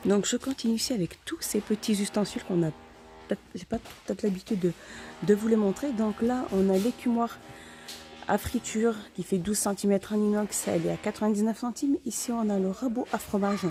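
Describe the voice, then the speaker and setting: A woman's voice: mid-range voice, fairly quick, dark tone, faint music behind. A woman speaking through a face mask, muffled, giving a casual, slightly hesitant item-by-item shopping vlog tour inside a store. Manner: informal, hesitant item-by-item commentary. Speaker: shopping vlogger.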